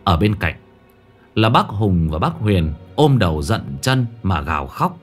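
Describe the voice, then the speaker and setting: A man's voice: deep voice, sing-song, a little slow. A man narrating a first-person horror story in a dramatic, tense way. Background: faint music.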